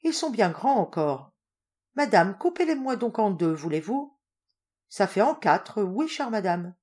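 A woman's voice: medium pitch, sing-song, a little slow, darkish tone, breathy edge. A woman reading an audiobook, voicing a teasing male salesman who plays a prank with exaggerated, mock-polite courtesy.

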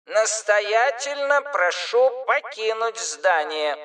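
A woman voicing a stern mechanical announcer that delivers formal, officious warnings in a slow, clipped way. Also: mid-range voice, expressive, fairly bright tone, far from the mic, pitched above the performer's own voice.

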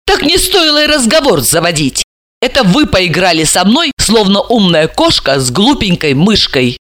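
Гордая, язвительная молодая женщина, её изображает мужчина-чтец. Говорит с вызовом и насмешкой, интонации очень живые. Запись сухая, без эха, как в аудиокниге. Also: male voice, high-pitched, very animated, normal speed, a bit bright, dry recording, clean studio sound. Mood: defiant. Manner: defiant, mocking. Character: proud, sharp-tongued young woman. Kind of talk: audiobook character reading.

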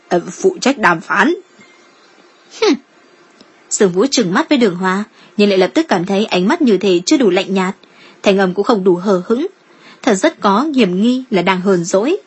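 A woman narrating a novel in a steady, even storytelling delivery. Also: medium pitch, fairly quick, breathy edge. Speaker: audiobook narrator. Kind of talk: novel reading.

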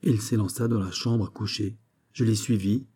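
A man reading a nineteenth-century short story aloud in a measured, steady narrating manner. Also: on the low side, husky. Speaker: audiobook reader. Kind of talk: literary audiobook narration.

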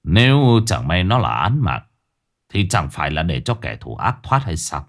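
A man voicing a suspicious district magistrate who questions in a low, quiet voice. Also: big pitch swings, moderate pace. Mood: stern.

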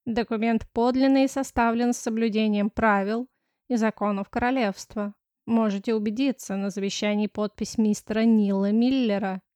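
A woman's voice: on the high side, fairly even intonation, moderate pace, a little mellow, dry recording, natural voice. Woman reading a stout grumpy notary guy, dry and curt, barks his words, dry sound. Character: stout middle-aged male notary, dry and gruff.

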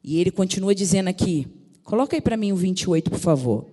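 A woman's voice: on the low side, animated, quick pace, dark tone. A woman pastor preaching a sermon, fervent, calling out to the congregation. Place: large church sanctuary. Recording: reverberant church hall.

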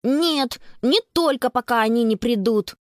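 A woman's voice: on the high side, measured pace, no room sound, clean studio sound, natural voice. A woman voicing a tearful, stubborn little boy who sulks and complains in a children's storybook. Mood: whiny. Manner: whiny, sulky.

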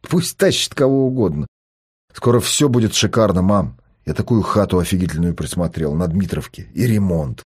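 A man voicing a foolish, excitable grown son, boastful and whiny. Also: sits low, normal speed, slightly rough, pitched below the performer's own voice.

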